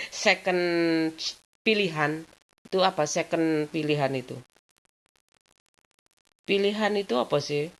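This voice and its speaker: A low-pitched woman vlogger, talking casually about her own life. She rambles in a chatty way, circling back with the same filler phrases. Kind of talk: casual personal storytelling.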